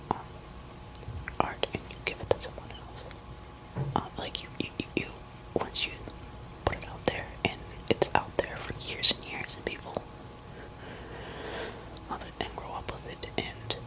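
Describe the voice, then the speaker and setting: A woman speaks in a barely audible whisper, with almost no voice behind the words. She rambles casually in an ASMR style, hesitating and pausing mid-thought as she goes. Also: rough recording. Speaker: musician talking to listeners.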